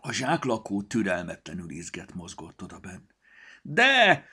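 A man reading a children's storybook chapter aloud as narrator, with an expressive, lively delivery. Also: low-pitched, slightly rough.

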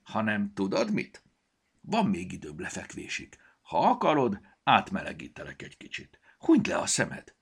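A man voicing a caring little sun who speaks gently and soothingly. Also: lowish voice, wildly swooping pitch, vocal fry, husky, full character voice.

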